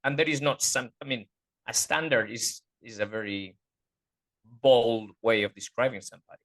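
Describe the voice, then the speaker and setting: A man's voice: mid-range voice, moderate pace, a bit bright. Hesitant man explaining singing. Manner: hesitant, searching for words, many fillers. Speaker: guest voice teacher. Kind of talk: casual interview chat.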